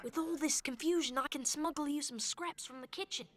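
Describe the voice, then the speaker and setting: Woman as a high-voiced, plucky young otter. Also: a little fast, very noisy, close to an everyday voice. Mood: hushed, earnest. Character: kindly, plucky female otter slave helper. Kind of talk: animated cartoon acting.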